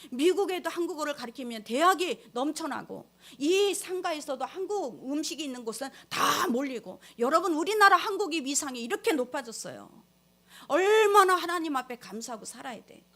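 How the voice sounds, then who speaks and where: A woman pastor delivering a sermon, speaking straight to her congregation and swinging between loud exhortation and quiet storytelling. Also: sits high, lively intonation, normal speed. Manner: addresses the congregation directly.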